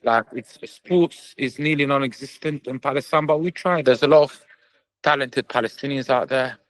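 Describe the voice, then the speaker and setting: Young male fighter, guest in an interview, mid-pitched voice, speaks earnestly and stops to search for words. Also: rough recording. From England. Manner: earnest, halting with many fillers. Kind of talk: remote interview answers.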